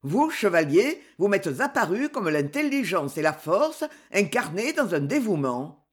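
Stern boy king, husky and commanding, read by the narrator in an audiobook. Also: mid-range voice, sing-song. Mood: pleading, warning. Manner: stern, threatening, weighty pauses. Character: young king, fifteen, suspicious, commanding. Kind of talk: audiobook character reading.

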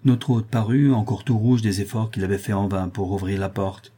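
A man narrating a novel in a measured, even storytelling manner. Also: fairly low pitch, slightly rough. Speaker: audiobook narrator.

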